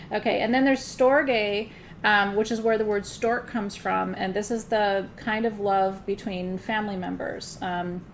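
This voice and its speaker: A gravelly, medium-pitched female voice guides a live spiritual class, with a bit of hiss or hum in the background. She talks loosely and conversationally, relying on fillers and restarts and checking in often with her audience.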